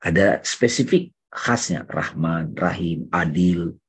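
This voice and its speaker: A man leading a reflective spiritual study talk, shifting between hushed musing and emphatic phrases. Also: deep voice, takes it slowly, husky. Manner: swings from hushed musing to loud chanted takbir. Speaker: speaker in religious study session.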